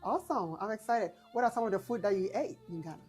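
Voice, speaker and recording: A woman's voice: medium pitch, lively intonation, fast talker, a little mellow, faint music behind. A woman interviewing casually, encouraging and often rephrasing her questions as she goes.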